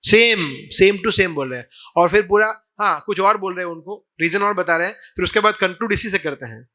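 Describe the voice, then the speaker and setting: A man's voice: sits high, normal speed, pushed and bright. A man teaching a scripture class, reading verses aloud and then explaining them in a chatty mix of Hindi and English. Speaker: preacher.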